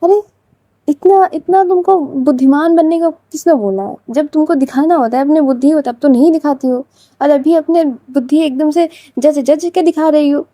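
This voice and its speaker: This is a stubborn young mother in a spoken storybook, curt and huffy, scolding as she talks, as a woman narrator plays her. The voice is high-pitched with a very dark, mellow tone. It sounds dry and close to the mic. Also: moderate pace, no room sound, close to an everyday voice.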